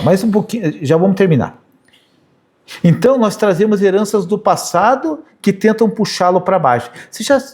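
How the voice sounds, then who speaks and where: Middle-aged man, high and mellow voice, informal sermon full of anecdotes. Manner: chatty, anecdotal, frequent "né?" tags. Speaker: spiritist speaker. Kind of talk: informal spiritual talk with anecdotes.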